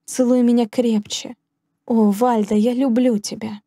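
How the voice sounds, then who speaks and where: A woman's voice: a little high, flat delivery, unhurried, dark tone, dry recording, studio quality. A woman reading a shy young woman in love. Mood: yearning.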